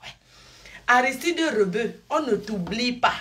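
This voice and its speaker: A woman's voice: fairly high pitch, expressive, measured pace, fairly bright tone, slight background noise. A middle-aged woman and grandmother rambling on a live stream, showering her viewers with pet names and drifting between topics.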